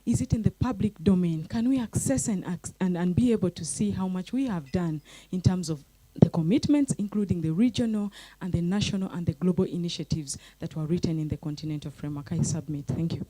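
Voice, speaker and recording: A woman's voice: fairly low pitch, a little fast, dark tone, dry recording. A woman at a youth panel discussion, putting pressing, rhetorical questions with restarts. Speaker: youth forum participant.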